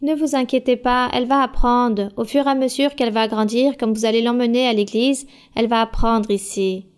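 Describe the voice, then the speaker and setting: A woman leading a Bible study answers questions in a calm, direct way. Her voice sits a little high, and she explains things plainly and firmly, like a teacher. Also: a little fast, clear, resonant tone. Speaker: church leader answering questions.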